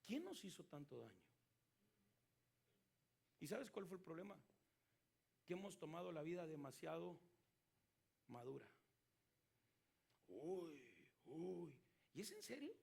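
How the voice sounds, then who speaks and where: High gravelly-voiced Mexican pastor preaching. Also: male voice, big pitch swings, takes it slowly, pauses often, a little mellow. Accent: Mexican Spanish. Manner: storytelling, asking the congregation questions. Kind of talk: sermon.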